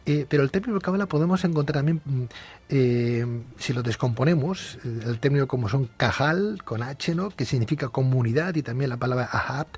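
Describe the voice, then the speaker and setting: A man hosting a talk show, reading a formal introduction and then interviewing his guest in a measured way. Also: medium pitch, darkish tone, breathy edge. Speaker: radio show host.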